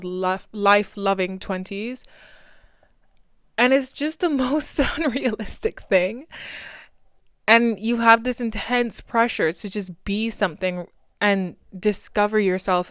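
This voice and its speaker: Young woman, twenties, solo podcast host; chatty and rambling, very clean smooth voice, dry close sound. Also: medium pitch, no room sound. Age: 20s. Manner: chatty, rambling, self-deprecating.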